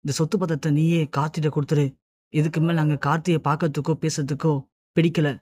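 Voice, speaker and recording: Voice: mid-range voice, little pitch movement, a little mellow, lightly acted. A narrator reading the lines of a firm, resolute young man in a retold TV serial. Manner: firm, measured.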